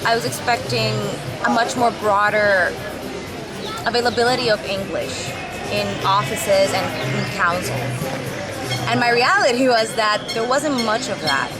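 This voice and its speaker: A woman's voice: a little high, unhurried. A young woman from the Dominican Republic, an international student giving articulate, reflective interview answers. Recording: loud background music and crowd noise.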